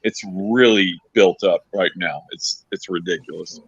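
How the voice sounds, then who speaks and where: A man's voice: low voice, unhurried, creaky, husky, no room sound, dull audio. A man in his fifties chatting casually as a caller, friendly and hesitant with many fillers. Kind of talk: casual chat.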